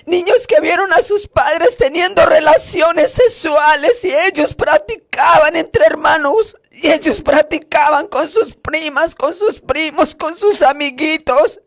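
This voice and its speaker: A woman's voice: high voice, no room sound. A woman preacher giving an emotional testimony sermon, fervent and emphatic, breaking in with hallelujahs. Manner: slow, emphatic delivery.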